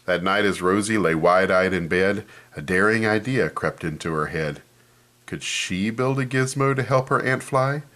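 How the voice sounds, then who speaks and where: Reading a children's picture book aloud, a man speaks at a normal speed with a voice that sits low. He brings expression to the story and remarks on the pages as he goes.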